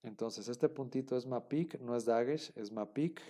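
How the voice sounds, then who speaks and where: A man's voice: mid-range voice, normal speed, dark tone. A man teaching a class, explaining patiently and repeating himself with many fillers. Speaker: Biblical Hebrew teacher. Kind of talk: classroom lecture.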